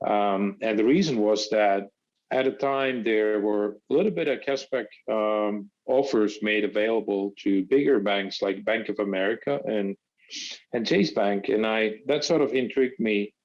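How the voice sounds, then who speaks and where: A startup founder from Finland, talking as a guest in a hesitant way with many fillers. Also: male voice, lowish voice, normal speed, darkish tone, lo-fi sound.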